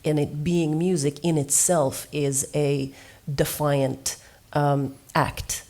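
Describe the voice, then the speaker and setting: A woman from Norway speaks on a seminar panel, her voice sitting notably low for a woman. She tells her story earnestly and reflectively, as a guest musician. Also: level tone, slow, warm tone.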